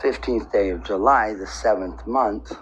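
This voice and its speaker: A man with a very low voice speaks slowly and haltingly, as if logging times on a dictaphone. He repeats himself and counts aloud. The recording is muffled, with some noise behind him. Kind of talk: spoken dictaphone log, announcing dates and times. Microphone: tablet voice recorder. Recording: dull, noisy handheld voice-recorder sound.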